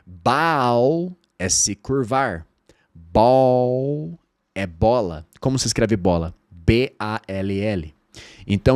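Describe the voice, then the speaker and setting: A Brazilian man with Portuguese as his first language, teaching an online English lesson and drilling phrases slowly with repetition. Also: mid-range voice, dry recording, studio quality. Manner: lively, drills phrases slowly and repeats them.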